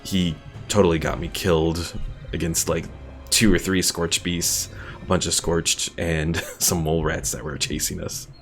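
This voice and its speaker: A man with a low, slightly bright voice and a level tone speaks a little slowly while streaming a strategy game. He offers casual commentary, thinking aloud as he plays over game music.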